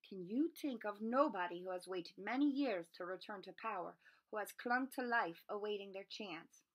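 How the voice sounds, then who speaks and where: A woman voicing a solemn male centaur in a children's storybook, speaking in a grave, measured, formal way. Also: medium pitch, lightly acted, low-quality recording. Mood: solemn, probing. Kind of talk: children's storybook read-aloud.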